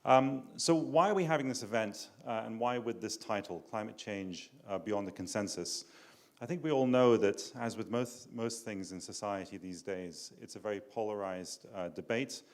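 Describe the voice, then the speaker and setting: A middle-aged man giving opening remarks at a conference into a handheld mic, relaxed, with frequent fillers. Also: lowish voice, normal speed. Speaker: institute director, event co-host. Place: conference hall, standing.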